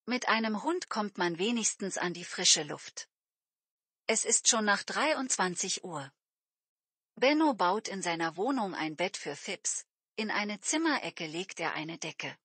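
Slow, bright-voiced woman narrating a story. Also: mid-range voice, expressive, dry recording. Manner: clear, carefully paced storytelling with light character voices. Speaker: audiobook narrator. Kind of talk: slow scripted narration for German learners.

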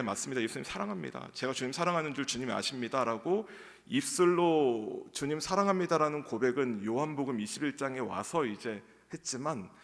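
A male pastor preaching a dawn sermon, acting out quoted lines in a raised pitch. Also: vocal fry. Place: church sanctuary. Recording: long church hall reverb.

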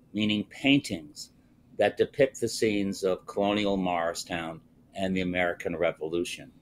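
Slow, low-voiced older man. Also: a little hiss or hum. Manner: slow, measured, frequent "uh" pauses. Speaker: guest. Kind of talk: live TV interview over video call. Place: indoors, wood-panelled office with bookshelves. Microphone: video call, webcam close up.

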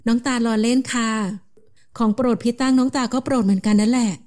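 A woman's voice: fairly high pitch, steady tone, fast talker, darkish tone, natural voice. A woman voicing a playful young woman, the younger sister, in an audiobook novel. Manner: playful, teasing. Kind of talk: audiobook character voice.

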